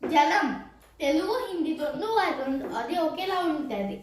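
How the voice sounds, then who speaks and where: A woman teaching patiently and slowly, repeating each point and quizzing the viewer with questions. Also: high-pitched, expressive. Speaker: Hindi teacher. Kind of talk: slow step-by-step teaching. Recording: roomy, distant from mic, faint noise.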